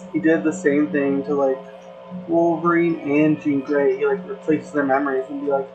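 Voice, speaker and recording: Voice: mid-range voice, poor audio. A content creator chatting casually, rambling with many fillers and restarts. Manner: rambling, filler-heavy, slow. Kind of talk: casual chat.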